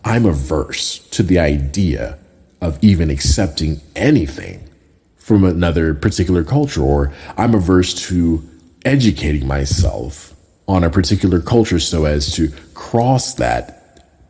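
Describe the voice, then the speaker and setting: A man born in Jamaica, hosting a podcast in a casual, conversational way and often tagging his points with a quick question. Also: low-pitched, big pitch swings, creaky, mellow, slightly rough. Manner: conversational, often tags lines with "right?". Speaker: podcast host. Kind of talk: casual solo podcast talk.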